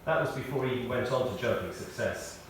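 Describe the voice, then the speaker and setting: In a very reverberant large church, a male eulogist reads a tribute he prepared for a memorial service, his storytelling measured and dry-humoured. His pitch sits in the medium range. He is far from the mic, so he sounds off-mic over faint noise.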